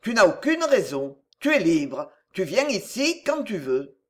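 Puzzled, pleading father in a storybook reading, voiced by a woman reader, unhurried. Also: medium pitch, very animated. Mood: bewildered. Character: bewildered worried father of a grown son.

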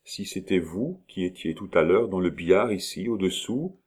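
A man's voice: deep voice, lively intonation, moderate pace, darkish tone, husky. A man reading aloud and voicing a polite, composed doctor. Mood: formal. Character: middle-aged male doctor, composed and formal.

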